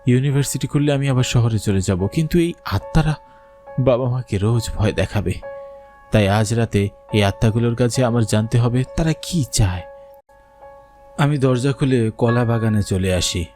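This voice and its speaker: A man plays a frightened young male university student telling his own ghost story, narrating a horror cartoon in a suspenseful, dramatic first-person style full of fear. His mid-range voice is warm and close to an everyday voice at a moderate pace, with soft music playing behind him.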